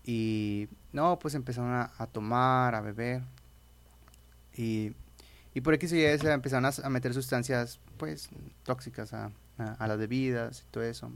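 Young mexican guy, gravelly voice, rambling casual storytelling, lots of restarts. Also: mid-range voice, fairly even intonation, normal speed. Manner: rambling storyteller, many restarts, says "brother". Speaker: guest. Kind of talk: casual personal testimony.

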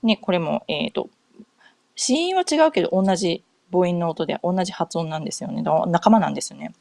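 Brisk and expressive, this lowish, creaky voice has a darkish tone and no echo. It belongs to a middle-aged Japanese woman hosting a relaxed podcast from a North American home, talking in a rambling way full of fillers and self-corrections.

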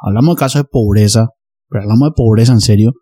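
A man's voice: lowish voice, fast talker, warm tone, slightly rough, no room sound, studio quality. A man, explaining a topic in a casual discussion and often checking that listeners follow. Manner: explanatory, checks in with "¿verdad?" and "¿entendés?".

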